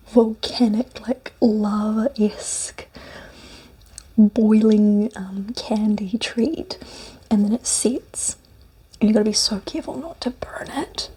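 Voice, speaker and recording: A woman with a New Zealand accent softly whispers a breathy, musing ASMR food review while eating cereal. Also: fairly high pitch. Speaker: snack reviewer.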